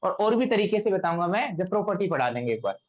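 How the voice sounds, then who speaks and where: A man's voice: sits high, sing-song, quick pace. Guy teaching maths, keeps asking the class questions, dull lo-fi sound. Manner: questioning, repeats questions to students. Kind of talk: classroom lecture.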